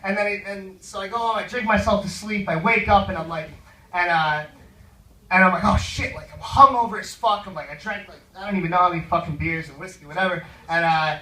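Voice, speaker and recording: A man's voice: high voice, steady tone, fairly quick, bright, forceful tone, roomy sound, recorded from a distance, low-quality recording. A man telling a rambling, profane stand-up story full of fillers. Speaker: stand-up comedian.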